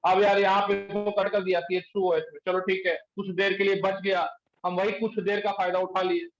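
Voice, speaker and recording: A male chemistry teacher lecturing a class in speech, quizzing students and pushing them to answer quickly. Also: high voice, level tone, faint music behind. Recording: echoey room, dull lo-fi sound.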